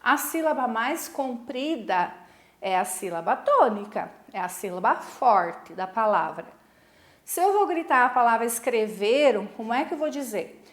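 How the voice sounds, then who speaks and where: A woman's voice: fairly high pitch, animated, unhurried, echoey room. A woman teacher with a Brazilian Portuguese accent giving a patient, instructive recorded lesson for sixth graders, often checking in with tag questions.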